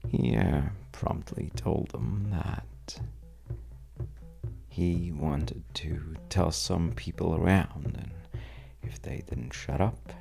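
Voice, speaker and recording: In an audio roleplay, a man plays a well-dressed, roguish stranger at a bar, a wry charmer looking for trouble, in a full character voice that is very low, dark, and heavily creaky. He speaks slowly and intimately, with wry, teasing, hesitant pauses, as if spinning a tale for one listener in an amused storytelling mood. Soft music plays in the background.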